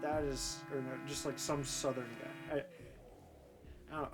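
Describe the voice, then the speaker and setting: A man's voice: mid-range voice, level tone, normal speed, a little hiss or hum. A man streaming a game, chatting casually and joking, often acting out what characters think. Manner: joking, acts out characters' thoughts. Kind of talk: casual gameplay chat.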